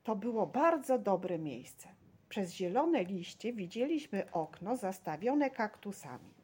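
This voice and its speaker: A woman reading a children's story aloud with an expressive, animated delivery. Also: medium pitch, unhurried, breathy edge.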